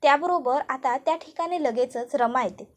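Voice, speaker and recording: High-voiced woman retelling a serial. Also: moderate pace. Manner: steady recounting narration. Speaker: storyteller.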